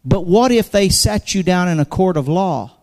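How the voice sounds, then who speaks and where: A man's voice: high voice, lively intonation, normal speed, a little mellow, big-room sound. A man preaching a sermon in a church, impassioned, repeating phrases and building emphasis. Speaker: pastor. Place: church sanctuary.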